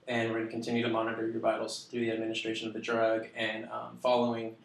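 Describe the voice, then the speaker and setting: A man playing a calm clinician who explains a procedure to a patient haltingly, stumbling over technical terms. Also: fairly low pitch, creaky. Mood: calm, explanatory. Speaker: clinician in a student case-study skit. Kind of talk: halting explanatory role-play. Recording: echoey room, distant mic.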